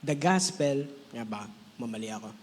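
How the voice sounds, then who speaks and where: A man's voice: medium pitch, animated, moderate pace, darkish tone, in a large hall, a little hiss or hum. A man pastor preaching a conversational sermon, mixing English phrases in and acting out quoted voices.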